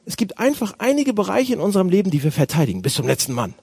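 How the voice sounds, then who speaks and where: A man preaching a sermon as a pastor, animated, swinging between loud outbursts and hushed asides. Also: high-pitched, quick pace, creaky, breathy edge.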